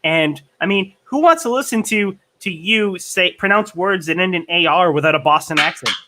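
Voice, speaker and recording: Guy w bright high voice doing mock-outraged sketch comedy over zoom. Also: animated, normal speed. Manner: mock-indignant, teasing. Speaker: comedy troupe member. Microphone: video call.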